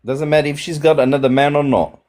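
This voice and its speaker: A man's voice: fairly high pitch, fairly even intonation, quick pace, darkish tone. A man hosting a panel, speaking earnestly, stammering and repeating his points. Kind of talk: panel discussion.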